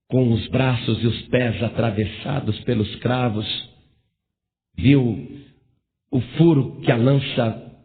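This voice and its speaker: A man preaching a dramatic sermon, swinging from low, hushed narration to loud, tearful pleading. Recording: tinny phone-like sound.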